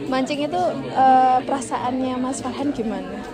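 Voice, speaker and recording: A young woman in the role of a student counselor asks questions politely and reassuringly during a counseling session. Her voice is high-pitched and moderately paced. Loud crowd chatter fills the busy public hall where she's recorded.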